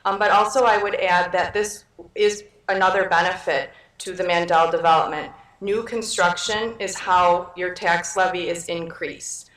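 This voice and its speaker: A woman trustee candidate giving earnest, measured answers at a forum, with frequent ums. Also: lowish voice, fairly even intonation, a bit bright. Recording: echoey hall, mic from far off.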